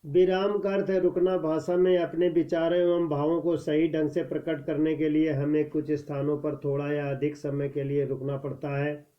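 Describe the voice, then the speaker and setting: A man teaching a scripted grammar lesson at a measured pace, announcing each heading more loudly and reading the examples more softly. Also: fairly high pitch, little pitch movement. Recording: dull lo-fi recording.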